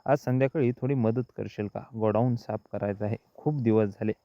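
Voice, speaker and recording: A man voicing a middle-aged father-in-law in an audio story, speaking in a low, soothing, insistent way. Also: fairly even intonation, a little fast, warm tone, no echo, natural voice. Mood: coaxing. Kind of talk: quoted dialogue in audio story. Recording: dull, lo-fi dry recording.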